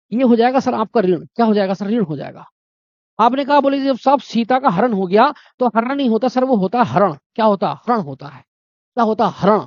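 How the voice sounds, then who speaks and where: A man's voice: very high voice, dry recording. Man teaching a grammar lesson, dull dry audio. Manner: repetitive, quizzing the viewer. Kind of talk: exam-prep grammar lesson.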